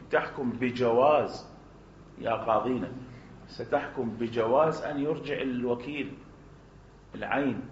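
Fast-talking Iraqi man lecturing a class. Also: medium pitch, slight background noise. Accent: Iraqi Arabic. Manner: animated, fast, poses rhetorical questions and acts out dialogues. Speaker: teacher. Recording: roomy, dull recording.

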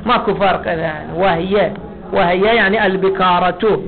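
A man's voice: high voice, vocal fry. A man with an Iraqi Arabic accent giving a seminary lecture on a legal text, putting questions to the class, answering them himself, and stretching out key words. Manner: drawn-out stress on key words. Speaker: religious law teacher. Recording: tinny phone-like lecture recording.

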